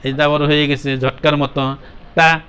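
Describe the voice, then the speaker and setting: Bright-voiced Bangladeshi man teaching a class. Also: fairly high pitch, moderate pace, clear, resonant tone. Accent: Bangladeshi Bengali. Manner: patient, repetitive, calls on pupils by name and corrects them. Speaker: Quran recitation teacher. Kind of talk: drilling a class of children on letter pronunciation. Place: classroom with pupils.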